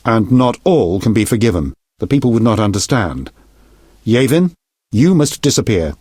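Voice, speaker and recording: A man's voice: mid-range voice, no room sound, clean studio sound. An actor playing a blunt, foul-mouthed, commanding middle-aged king in a fantasy video game, speaking with regal authority. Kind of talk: video game character dialogue.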